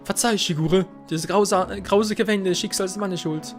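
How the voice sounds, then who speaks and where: A man voicing a calm, gentle young woman who is a mother, reading game dialogue aloud in a let's play. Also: sits high, normal speed, soft background music, voice pushed up, natural voice. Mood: earnest.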